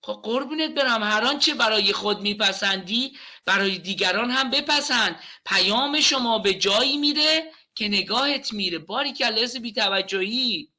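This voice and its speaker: A man in his thirties teaching a live webinar on communication skills, playful and animated as he speaks directly to his class. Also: sits high.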